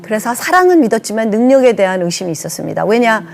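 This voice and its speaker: A woman's voice: on the high side, big pitch swings, fast talker, gravelly, slight background noise. A Korean woman pastor in her sixties giving an earnest, emphatic testimony sermon, acting out the lines she quotes.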